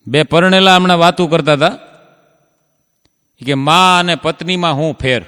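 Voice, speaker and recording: High-voiced comedian man. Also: bright, forceful tone, clear, resonant tone, big-room sound, soft background music. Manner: storytelling with drawn-out punchlines and "હા?" asides to the crowd. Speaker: stand-up comedian. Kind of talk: Gujarati folk stand-up jokes for a live audience.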